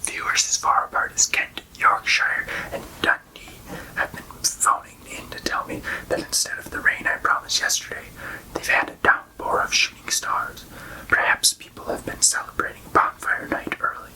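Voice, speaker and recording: Casting: folksy storybook weatherman, acted by a reader, chatty, whispered role-play in a soft library whisper. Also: normal speed, rough recording.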